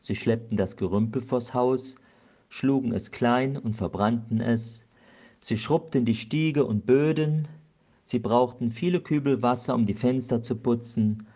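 A male pastor giving a slow, measured Advent sermon. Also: medium pitch, dark tone, dull audio.

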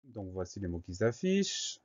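A man teaching a spelling lesson, spelling out words slowly letter by letter. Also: fairly low pitch, very animated, darkish tone. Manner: slow, deliberate spelling out of letters. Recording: slightly dull lo-fi sound.

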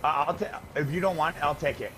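A man's voice: a little high, quick pace, a crowd in the background. A man playing a video game with a friend, talking casual trash with cocky, profane slang. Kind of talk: casual gaming trash talk.

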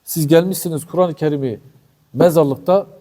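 A man's voice: a little high, normal speed, warm tone. A man giving a passionate religious commentary talk as a teacher, scolding and full of rhetorical questions. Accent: Turkish.

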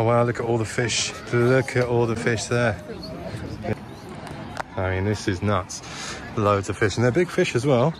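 A travel and car vlogger films himself on a handheld camera at arm's length by lakes and behind the wheel, narrating casually in a lowish voice. He's chatty and enthusiastic, with lots of fillers and restarts, over loud outdoor and car noise.

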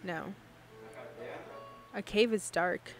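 A woman's voice: mid-range voice, extremely slow, over music. A woman giving an interpreted sermon in a preaching cadence, often putting questions to the congregation.

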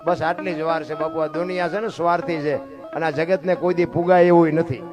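A man's voice: fairly high pitch, fairly even intonation, fairly quick, music in the background. A man telling folksy devotional stories, fervent and earthy, sometimes stretching lines into sung bhajan phrases. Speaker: dayro storyteller and bhajan singer.

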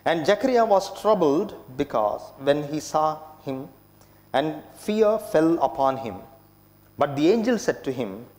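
A man in his thirties, a priest giving a solemn, measured scripture reading at Mass in an echoing church. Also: a little high, darkish tone. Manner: measured, formal delivery. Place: inside a church at the lectern. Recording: echoing church with long reverb.

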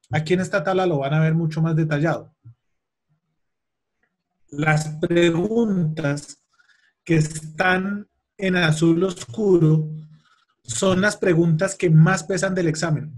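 A man's voice: high-pitched, husky. A man teaching an English exam webinar, emphatic and repeating key points, asking his audience questions. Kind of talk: webinar lesson.

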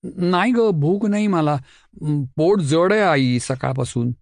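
Brief: man voicing a bright mischievous schoolboy, lively and high. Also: slow, vocal fry, no echo, studio quality. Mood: pleading, eager. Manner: bright, pleading, chatty. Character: mischievous helpful schoolboy, eager and quick-witted.

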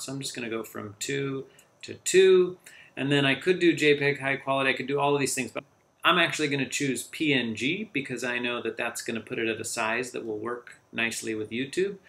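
A man giving a relaxed, step-by-step screen-recorded software tutorial as a teacher. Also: mid-range voice, moderate pace, vocal fry.

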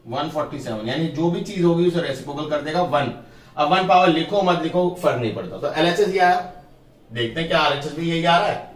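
Male math tutor, talks the class through each step and checks they follow; slightly high voice, distant mic. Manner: talks through each step of the working, asks pupils if it is clear. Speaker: math teacher. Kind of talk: casual classroom explanation. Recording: roomy, from off the mic.

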